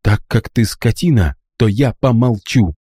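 A man's voice: on the low side, lively intonation, unhurried, mellow, slightly rough, no echo, clean studio sound. A man voicing a cheeky, cold-blooded young street boy with a mocking, calculating manner, in an audiobook. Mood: cocky. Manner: cocky, mocking, coolly calculating.

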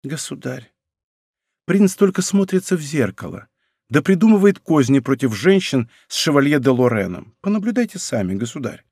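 A man's voice: fairly high pitch, sing-song, normal speed, darkish tone, breathy edge, no room sound, studio quality, heavily acted. A man voicing a proud young princess in an audiobook, pleading and slightly mocking. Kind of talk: audiobook character reading.

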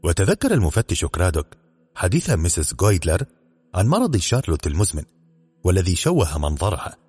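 A man narrating a detective story in a steady, measured audiobook reading. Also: low-pitched, slightly rough, no room sound.

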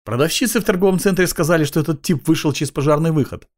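A man narrating an audiobook in a lively, ironic storytelling manner. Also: fairly high pitch, fast talker.

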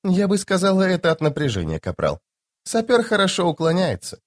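A man voicing a sly, mocking female soldier in an audiobook, speaking low and quiet. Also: wildly swooping pitch, a little fast, heavily acted.

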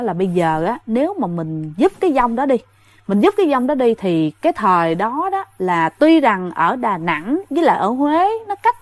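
A woman tells a ghost story in a relaxed, conversational way, with plenty of fillers and frequent asides to her listeners. Her voice sits a little higher than most women's and is recorded dry and close, with almost no room sound. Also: dry recording. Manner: chatty, addresses listeners directly, many fillers. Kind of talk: casual spoken storytelling.

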